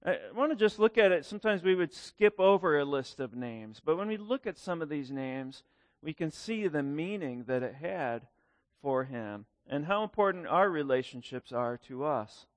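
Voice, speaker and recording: A man's voice: a little high, animated, moderate pace, dry recording. A male pastor preaching a conversational sermon in a folksy way, often repeating words and acting out quoted lines.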